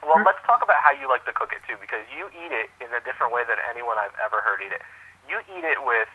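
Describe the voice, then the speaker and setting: A man's voice: medium pitch, lively intonation, racing, breathy edge, no echo, narrow, tinny audio. A man chatting casually as an opinionated interview guest. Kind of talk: casual chat.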